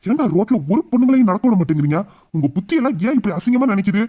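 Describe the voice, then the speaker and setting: Audio drama: a hot-headed young boyfriend, anxious then threatening, played by a man; voice sits high. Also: animated, rapid-fire, dark tone. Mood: furious. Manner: worried questioning, angry threats. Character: protective young man, heroine's lover, hot-tempered. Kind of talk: amateur Tamil audio drama.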